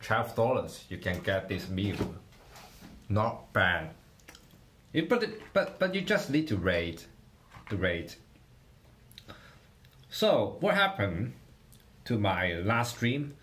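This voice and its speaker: Slow, halting man. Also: on the low side, very animated, fairly bright tone. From Hong Kong. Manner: halting, repeats words while tasting. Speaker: livestreamer. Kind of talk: casual livestream food tasting.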